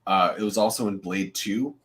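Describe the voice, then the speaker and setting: Deep voiced guy cohosting a podcast, laid back and rambly, lots of uhs. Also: moderate pace. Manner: relaxed, rambling, many filler uhs. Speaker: co-host. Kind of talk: casual podcast chat.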